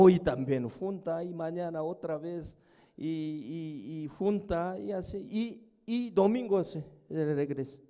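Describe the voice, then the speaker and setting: A man whose first language is Korean, presenting a seminar in non-native Spanish, joking with the audience, chuckling often and checking in with quick questions. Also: high-pitched, dark tone. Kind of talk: live seminar talk to an audience. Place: hotel event hall.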